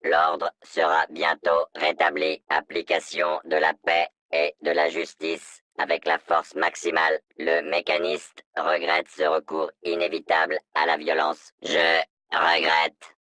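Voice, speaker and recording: An actor voicing a stern male security robot in a video game, through a robotic voice filter, in a flat, monotone, announcement-like delivery. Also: very deep voice, measured pace, dry recording, heavily acted. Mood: cold, commanding. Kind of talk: video game dub dialogue lines.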